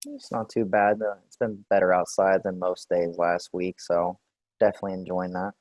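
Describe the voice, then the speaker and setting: Hesitant, low-voiced man from Texas. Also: normal speed, no echo. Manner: relaxed, hesitant with many fillers. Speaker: interviewee. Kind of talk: role-play clinical interview.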